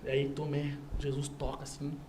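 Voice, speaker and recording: A man tells his story as a studio guest, voice pitched a touch high for a man. He acts out each person's lines as he goes, with a faint hiss behind him. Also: completely flat delivery, moderate pace, warm tone. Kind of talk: animated personal testimony.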